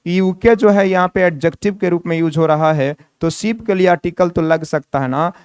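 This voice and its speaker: A man's voice: sits high, normal speed, darkish tone, clear, resonant tone, no echo, studio quality. A man teaching English grammar in Hindi. He asks the viewers questions, answers them himself and repeats key words. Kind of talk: Hindi-language grammar lesson.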